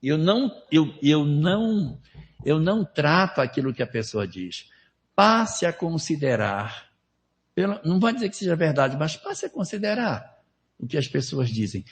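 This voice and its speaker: In the lecture hall of a spiritist center, a man gives a conversational seminar talk using rhetorical questions and numbered steps. His fairly high voice is sing-song, at normal speed.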